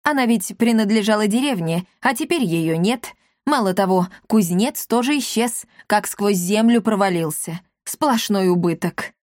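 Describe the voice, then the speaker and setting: A pompous old village elder in a storybook tale, quick to take offence and full of wounded whining, as a woman narrator puts him on. His complaints come out clipped and dry, close to the mic. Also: mid-range voice, expressive, a little mellow, no room sound, natural voice. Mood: grumbling. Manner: indignant, whining, aggrieved.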